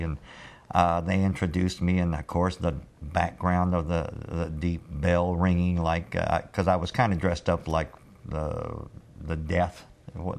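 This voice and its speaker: An older man who used to work as a TV audio engineer tells a rambling story, with lots of filler pauses. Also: low voice, vocal fry. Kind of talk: oral-history storytelling.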